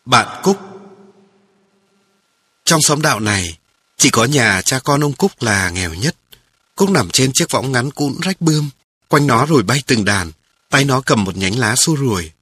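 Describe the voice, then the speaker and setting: A man calmly narrating a memoir aloud in a measured storytelling voice. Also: medium pitch, breathy edge, no room sound.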